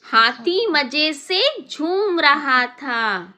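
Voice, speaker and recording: A woman's voice: high voice, big pitch swings, very slow, bright, forceful tone. A woman teacher reading a children's poem aloud and explaining it to young pupils in a playful, exclaiming way. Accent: Indian Hindi. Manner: playful, exclaiming, laughing often. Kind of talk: children's poetry lesson.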